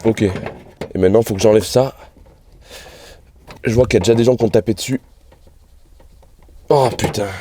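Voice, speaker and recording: A man's voice: fairly low pitch, normal speed, long pauses, background noise. A young man casually vlogging about his car, swearing often and thinking aloud as he works in his garage. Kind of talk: casual vlog commentary.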